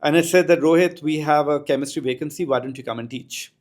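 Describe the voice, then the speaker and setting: A man's voice: on the high side, fast talker. A middle-aged man with an Indian accent, reflectively telling personal anecdotes as an interview guest in an articulate way. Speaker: podcast guest, school educator.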